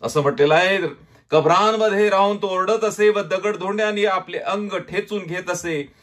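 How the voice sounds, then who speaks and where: High-voiced Marathi pastor preaching dramatically. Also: male voice, moderate pace. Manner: dramatic preaching with sudden drops to a low, quiet voice. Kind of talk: sermon.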